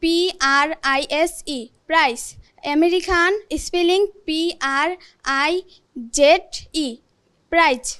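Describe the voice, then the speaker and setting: A woman's voice: extremely high pitch, slow pace, fairly bright tone. A woman student answering in class who spells words out letter by letter.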